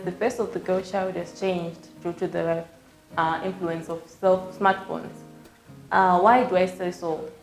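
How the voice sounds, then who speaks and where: Girl late teens on a panel, lowish voice, earnest, roomy echo. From Zimbabwe. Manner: earnest, explaining her view with fillers. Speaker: panel guest. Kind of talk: panel discussion.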